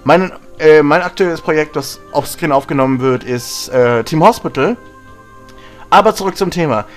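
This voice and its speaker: Slightly hoarse, higher-voiced man vlogging. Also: moderate pace, faint music behind. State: slightly hoarse from a throat infection. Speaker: gaming channel host. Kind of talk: casual spoken video blog.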